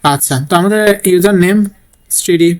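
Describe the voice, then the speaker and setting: A man's voice: high voice, fairly quick. A man teaching a programming lesson while typing code, thinking aloud and often checking in with "okay?". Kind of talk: screen-recorded coding tutorial.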